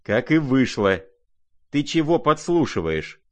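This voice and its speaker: A man's voice: big pitch swings, unhurried. A man voicing an irate, imperious older noblewoman. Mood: scolding. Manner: shrill, scolding, impatient outbursts.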